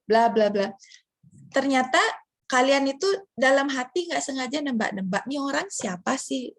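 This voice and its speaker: Chatty woman lecturer, higher voice. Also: fairly bright tone, no echo, clean studio sound. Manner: chatty, asks many rhetorical questions, acts out examples. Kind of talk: casual online lecture.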